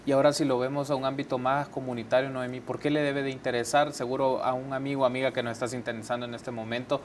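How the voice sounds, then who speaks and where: A man's voice: mid-range voice, little pitch movement, quick pace, slight background noise. A male TV host, asking long, winding questions. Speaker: TV interview host. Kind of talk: TV interview questions.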